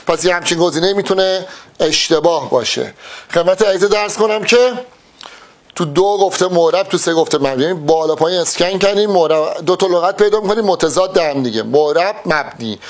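A man teaching exam preparation, working through test answers in a lively, emphatic way and speaking straight to his students. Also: high-pitched. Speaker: exam-prep Arabic teacher. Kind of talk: test-solving lesson.

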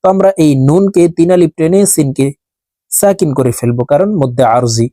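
A man teaching Quran recitation step by step, spelling words letter by letter in an earnest, repetitive way and chanting long drawn-out verses. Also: on the high side, animated, mellow, no room sound.

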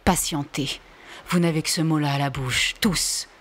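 A woman voicing an impatient, brooding teenage boy in a storybook reading, exasperated and melodramatic, with a breathy voice. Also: low voice, normal speed, a bit bright.

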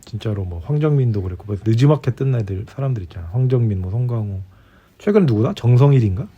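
In a dull lo-fi home recording, a husky middle-aged man speaks quickly with lively intonation and a dark tone at medium pitch. His rambling, easygoing manner suggests a podcast host at bedtime, chatting casually with his spouse.

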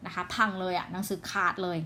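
A woman teaching English phrasal verbs in Thai with a Thai accent, reading English examples slowly and carefully. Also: bright, forceful tone, slight background noise. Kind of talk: online grammar lesson.

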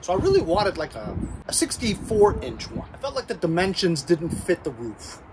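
A man's voice: high-pitched, huge pitch swings, normal speed. A middle-aged man casually reviewing a product in a suburban driveway, chatting to viewers he calls guys, recorded on a phone camera. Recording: outdoor street noise behind.

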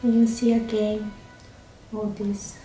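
Here a woman with a medium-pitched voice talks slowly through a casual food review for her vlog, addressing the camera. Her manner is relaxed and chatty, full of fillers and restarts, and faint music plays in the echoey little indoor room.

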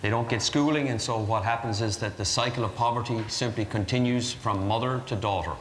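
A man's voice: medium pitch, fairly quick, fairly bright tone, reverberant, in a large hall, slight background noise. A man from Ireland with an Irish accent, a charity founder earnestly explaining his work in a TV interview before a live audience.

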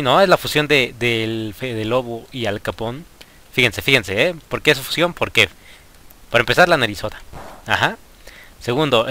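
A young man with a Mexican accent giving casual let's play commentary, talking to his viewers and exclaiming at the game. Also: medium pitch. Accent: Mexican Spanish. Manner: excitable, frequent exclamations at the game. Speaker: gaming youtuber.

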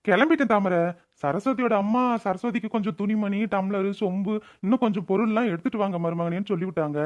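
A kindly, forgetful middle-aged village man from a cartoon, with a woman voicing him. He speaks plainly and apologetically at a medium pitch. The sound is dull and lo-fi. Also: fast talker, a little mellow, close to an everyday voice. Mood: apologetic. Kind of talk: cartoon voice-over.

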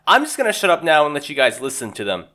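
A young man with a slightly high, sharp-toned voice talks fast, his pitch swooping wildly. He's a video creator giving chatty, informal, self-deprecating gaming commentary, with the voice-over recorded apart from the gameplay and music playing in the background.

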